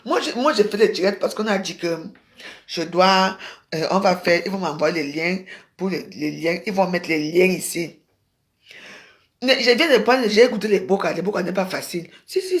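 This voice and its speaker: A woman streaming live from home on her phone. Her voice leaps up and down as she rambles and bursts into loud exclamations. Her talk stays loose and unscripted. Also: medium pitch, unhurried, pauses often. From Cameroon. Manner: excitable, rambling, breaks into exclamations. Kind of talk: casual Facebook live chat.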